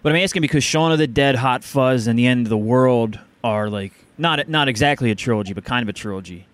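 A man co-hosting a podcast in casual chat, teasing the others in a dry, deadpan way. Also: mid-range voice, quick pace. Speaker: podcast co-host.

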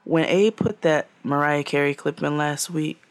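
A woman co-hosting a podcast in casual chat, playful, loud and quick to laugh. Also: low-pitched, very noisy. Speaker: podcast co-host.

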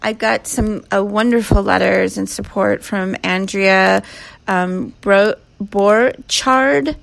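Host, a woman with a slow, gravelly voice; soft and thankful, many fillers. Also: mid-range voice, steady tone, no room sound. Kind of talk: casual spiritual chat.

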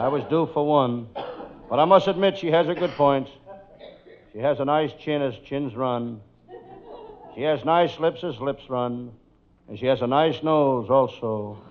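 A man's voice: fairly high pitch, natural voice. Man playing a wisecracking American detective, noisy old radio. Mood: wry joking. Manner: setup-and-punchline quipping. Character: wisecracking, unflappable comic detective. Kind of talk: old-time radio comedy, monologue and sketch. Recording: dull lo-fi old radio, loud noise.

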